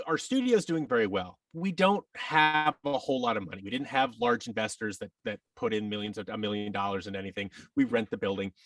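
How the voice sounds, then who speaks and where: Heard through a distant mic in a dry recording, this podcast guest, an audio drama producer, has a mid-range, creaky, fairly bright voice. Interviewed conversationally, he explains in a rambling, enthusiastic way, performing imagined quotes as he goes.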